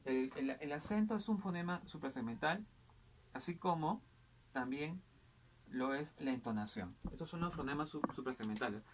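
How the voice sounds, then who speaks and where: A male teacher explaining a grammar lesson to a student, his voice a little higher than most men's. He talks patiently and checks in constantly with "¿correcto?". A faint hiss of noise sits under the recording. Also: lively intonation, normal speed. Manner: keeps asking "¿correcto?" and "¿no?", many "eh" and "este" fillers.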